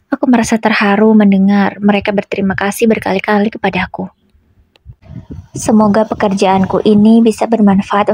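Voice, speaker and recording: A woman telling a first-person story as scripted narration, in a steady, even reading voice. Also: medium pitch, breathy edge, no room sound.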